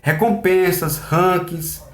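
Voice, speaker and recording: A man's voice: sits high, takes it slowly, roomy sound. A Brazilian man teaching a recorded class in a conversational way, asking and answering his own questions.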